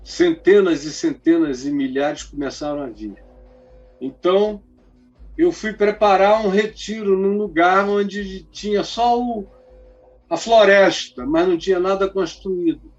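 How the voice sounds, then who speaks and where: A man's voice: sits high, a little slow. A man preaching in an emphatic, colloquial storytelling style. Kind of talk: storytelling sermon. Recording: dull lo-fi recording, faint music.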